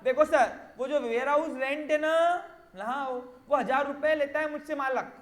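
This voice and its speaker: A man's voice: extremely high pitch, moderate pace, fairly bright tone, reverberant. Man putting on a whiny young client. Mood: pleading. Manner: complaining, pleading to his accountant. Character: young male business client, whiny and pleading.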